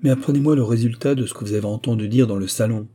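A man voicing a frightened, gentle young woman who speaks softly and earnestly in an audiobook. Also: mid-range voice, racing, husky, close to an everyday voice. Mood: anxious. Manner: pleading and soft.

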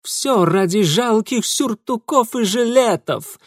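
A man voicing an indignant, self-righteous young man who scolds loudly and with contempt in an audiobook. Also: high-pitched, lively intonation, takes it slowly, dry recording, studio quality, pitched above the performer's own voice, heavily acted. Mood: contemptuous.

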